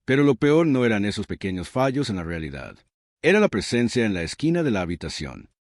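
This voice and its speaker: A man's voice: lowish voice, sing-song, brisk, no echo, studio quality. A man reading a scripted horror story in a dramatic, suspenseful storytelling manner. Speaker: narrator.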